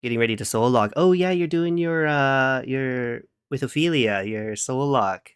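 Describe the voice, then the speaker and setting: With a clear, resonant medium-pitched voice and a measured pace, a man banters casually with his live-stream audience. Playful and giggly, he hums and scats to himself as he works, and the clean studio sound has no echo.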